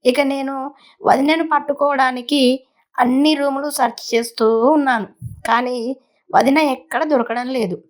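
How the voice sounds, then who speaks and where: A woman narrating a first-person story in a conversational, unhurried way, with small restarts. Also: high voice, steady tone.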